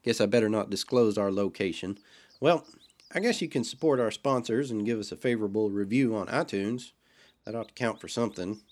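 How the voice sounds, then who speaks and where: A man's voice: lowish voice, a little fast, darkish tone, close to an everyday voice. A man playing a brash, wisecracking male hero sidekick who hosts a podcast, talking in a folksy, teasing, swaggering way. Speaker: podcast host.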